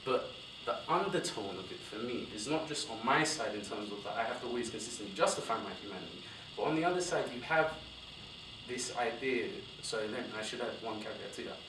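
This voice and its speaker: A man's voice: medium pitch, a little fast. Young man talking in an echoey hall. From born in Somalia, raised in West London. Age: young adult. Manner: discursive, animated, self-correcting. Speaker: panel speaker. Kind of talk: panel discussion talk. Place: university lecture room. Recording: roomy hall from a distant mic with noise.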